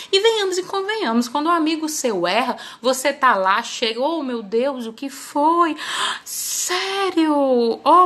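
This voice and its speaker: A woman's voice: on the high side, a bit bright. A woman hosting her parenting channel, chatting casually and often ending her phrases with little tag questions. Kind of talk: casual talk to camera.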